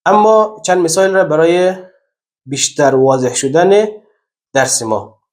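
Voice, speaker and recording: Guy giving a quran reading lesson, bit high voice, draws out example words slow. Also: expressive, darkish tone. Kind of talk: recorded lesson, explaining step by step.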